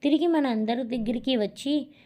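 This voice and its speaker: A woman's voice: sits high, moderate pace, dark tone, lightly acted. A woman reading the lines of a hurt middle-aged wife and mother who speaks with reproach and tears. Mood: tearful. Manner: reproachful, tearful.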